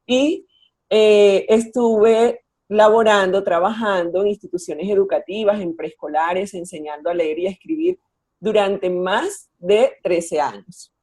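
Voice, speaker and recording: A woman's voice: medium pitch, animated, measured pace, darkish tone. A woman in her forties from Colombia's Caribbean coast, speaking over a video call to schoolchildren in a friendly, explanatory way with frequent fillers. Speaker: children's author and educator. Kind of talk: virtual talk to schoolchildren.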